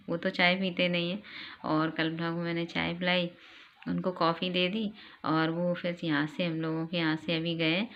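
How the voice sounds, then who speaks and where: A middle-aged woman chatting casually in a home vlog, telling the day's events. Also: on the low side. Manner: chatty, homely storytelling. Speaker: vlogger. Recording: dull lo-fi sound, faint noise.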